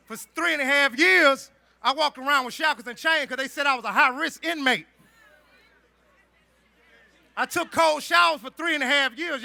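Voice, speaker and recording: A man's voice: extremely high pitch, gravelly, bright, forceful tone, no room sound. A middle-aged man giving emphatic personal testimony in a rally speech, like a preacher. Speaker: activist and motivational speaker.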